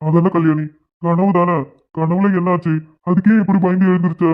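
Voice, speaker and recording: A man's voice: high-pitched, level tone, normal speed, phone-quality sound, close to an everyday voice. A man voicing a caring elderly grandfather in a cartoon, soothing and questioning.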